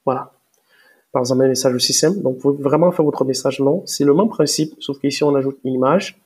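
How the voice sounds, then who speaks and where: A man walking viewers through software step by step in a screen-recorded tutorial, hesitant with many fillers and restarts. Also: medium pitch, fast talker, slightly rough. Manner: explains step by step, addressing viewers directly. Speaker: tutorial presenter.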